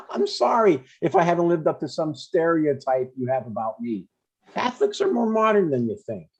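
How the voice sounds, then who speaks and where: An older amateur actor plays a blunt, stubborn yet affectionate father in a comedy table read, using a full, husky character voice. He sounds a little high and very animated at normal speed, with a mild, curious mood. The stream audio is dull.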